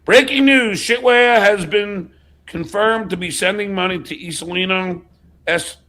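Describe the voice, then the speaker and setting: This livestream host has a high, bright, pushed voice and talks a little slowly. He chats casually, bluntly and profanely, swearing often.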